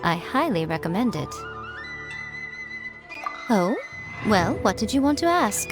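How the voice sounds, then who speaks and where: An actress playing a sly, teasing, unruffled shrine priestess in a video game, with a playful, nonchalant manner. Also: female voice, mid-range voice, very animated, slow, loud music behind the voice. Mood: teasing, welcoming.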